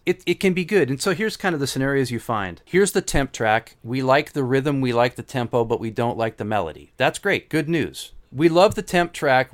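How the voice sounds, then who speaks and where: Wry, storytelling middle-aged man. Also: medium pitch. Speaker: guest composer. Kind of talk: casual podcast chat.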